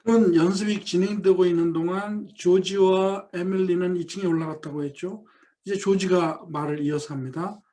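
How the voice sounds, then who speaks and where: A middle-aged male professor giving a lecture, explaining a play and reading quoted lines slowly. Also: sits high, fairly even intonation, dark tone. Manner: reads quoted English lines very slowly, then explains them.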